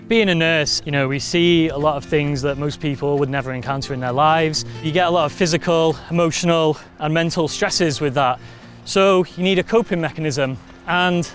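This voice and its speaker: A man presenting a walk outdoors on a coastal path, upbeat and conversational. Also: fairly high pitch. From Wales. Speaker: walking presenter. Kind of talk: presenting a travel walk to camera. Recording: faint guitar music behind. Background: soft guitar music.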